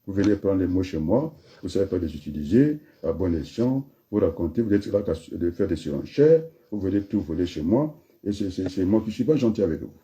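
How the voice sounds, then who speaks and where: A man's voice: deep voice, lively intonation, a little fast, few pauses, warm tone, muffled recording. A man from the Republic of the Congo giving a freewheeling spoken address, rambling from one aside to the next with frequent restarts. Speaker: speaker.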